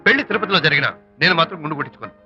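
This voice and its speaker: A man's voice: on the high side, expressive, very fast, bright, forceful tone. An actor playing a fussy groom in a film who lays out his conditions and mixes in English. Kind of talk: film dialogue. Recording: muffled film soundtrack with music.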